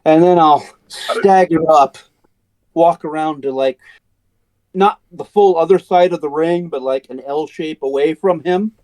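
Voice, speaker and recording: A man's voice: a little high, a little slow, a little mellow. A man playing a tabletop wrestling game, eagerly planning his character's moves aloud. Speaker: player.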